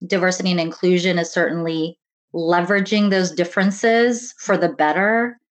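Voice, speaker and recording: Earnest us woman in an interview, lowish voice, measured, says "really" a lot. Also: fairly even intonation. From United States. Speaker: diversity and inclusion lead, interview guest. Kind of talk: conversational interview.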